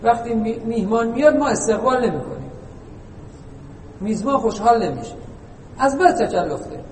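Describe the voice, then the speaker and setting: In an echoey hall, picked up from a distance with faint noise, a man with a very high voice and lively intonation preaches an informal religious lesson. He's chatty and teasing, joking and firing off rhetorical questions at the congregation.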